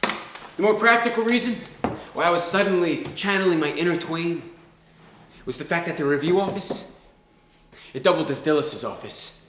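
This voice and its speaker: A man's voice: on the high side, moderate pace, fairly bright tone, slight background noise. A man delivering a theatrical first-person monologue, telling his story dramatically with wry, dry humour. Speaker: solo stage performer. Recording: very echoey stage, distant microphone.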